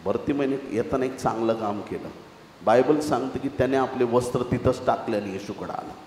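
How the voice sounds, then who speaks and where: A male pastor preaching an animated sermon, full of storytelling and rhetorical questions. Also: medium pitch, a little fast. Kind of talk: dramatic sermon. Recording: roomy hall reverb, faint noise.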